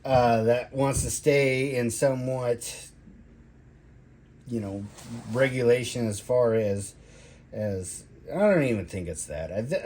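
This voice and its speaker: A man giving a casual, rambling gear review in a halting way, drawing out his words and trailing off. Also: mid-range voice, a little mellow, a little hiss or hum. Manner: halting, drawn-out delivery with trailing phrases. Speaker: product reviewer, military veteran.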